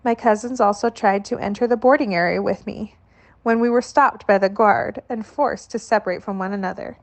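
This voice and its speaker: A woman narrating a novel chapter aloud in a slow, measured audiobook reading. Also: mid-range voice.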